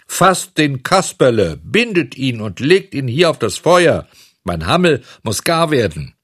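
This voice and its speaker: A man voicing a gruff, fearsome but soft-hearted puppet-theatre director while reading a storybook aloud. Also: medium pitch, sing-song, a little slow, no room sound, clean studio sound, voice pushed up, exaggerated voice.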